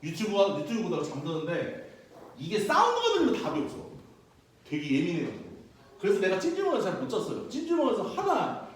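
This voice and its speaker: A young male physics teacher lecturing with loud, slangy jokes and animated storytelling, recorded by a distant mic in a classroom. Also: sits high, fast. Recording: very echoey room, mic far off.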